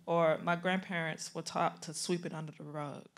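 A woman's voice: on the low side, little pitch movement, normal speed. A woman on a panel giving a candid, reflective personal testimony. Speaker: panel guest.

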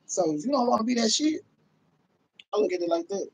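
This rough recording catches a middle-aged American man ranting on a casual livestream, slightly fast, in a high, sing-song voice with a darkish tone. He speaks bluntly and profanely with emphatic repetition into a phone or webcam at arm's length in a room at home.

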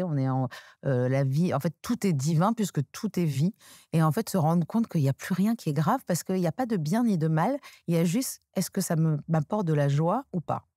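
Female podcast host, low warm voice, calm and explanatory, dry sound. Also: no room sound. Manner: calm, explanatory, slows down to stress points. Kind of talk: reflective conversational interview.

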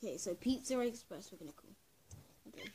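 A woman's voice: fairly high pitch, animated, fairly quick, crowd noise, rough recording. A female vlogger chatting casually and hesitantly, with lots of fillers and restarts, recorded indoors on a phone camera. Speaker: prank-call vlogger. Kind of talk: casual chat.

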